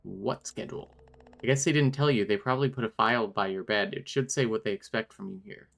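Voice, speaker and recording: A man's voice: on the low side, brisk, creaky, fairly bright tone. A man reading aloud the game lines of an earnest young boy in an asylum, in a plain, friendly way.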